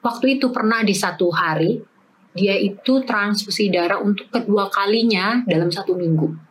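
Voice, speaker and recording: A woman in her thirties tells a deeply personal story in a relaxed, conversational way, mixing in English phrases as she goes. Her pitch sits at an ordinary middle level. There is a faint noise under the recording. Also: normal speed, low-quality recording. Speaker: guest telling her story. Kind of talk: casual chat.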